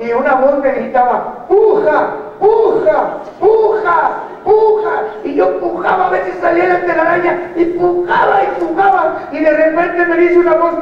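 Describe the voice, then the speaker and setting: A man playing a squeaky old man. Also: normal speed, few pauses, a faint crowd. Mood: storytelling. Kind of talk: comedy sketch acting. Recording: distant, dull, very echoey room.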